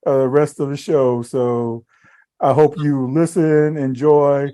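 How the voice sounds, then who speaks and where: Laid-back man with a mellow voice. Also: on the high side, steady tone, slow pace. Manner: laid-back, rambling, laughs easily. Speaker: podcast co-host. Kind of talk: casual chat.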